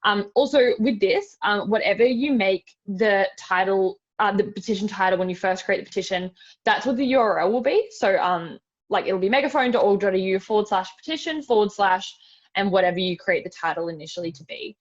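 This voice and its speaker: Speaking fairly quickly in a mid-range voice, this Australian webinar presenter gives a casual, chatty step-by-step tutorial, peppering her demonstration with "like" and "super." The sound comes through a video call and is dull and lo-fi.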